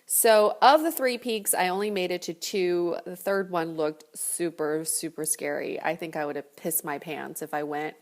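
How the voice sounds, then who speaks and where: A woman's voice: lowish voice, steady tone, normal speed, hardly any pauses. A woman video host telling a personal story to viewers in a casual, chatty way.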